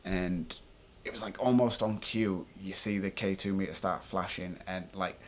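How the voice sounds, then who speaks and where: A man's voice: sits low, steady tone, moderate pace. A British man talking casually and informally to viewers as a paranormal vlogger, thinking aloud as he explains.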